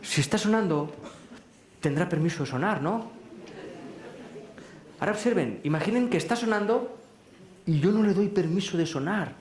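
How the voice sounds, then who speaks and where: A man with a fairly high voice gives a live talk in a large hall, and his words ring with a roomy echo. He keeps putting rhetorical questions to his listeners and gently teases them. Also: expressive, normal speed, long pauses. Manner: questioning, rhetorical, teasing the audience. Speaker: speaker at a public lecture. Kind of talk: live spiritual talk to an audience.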